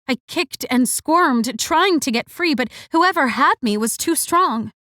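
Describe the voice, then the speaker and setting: A woman reads a first-person romance audiobook in a fairly high voice. Her delivery is expressive and wry. The recording is close and dry. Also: measured pace, no room sound. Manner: expressive, wry inner monologue. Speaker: audiobook narrator.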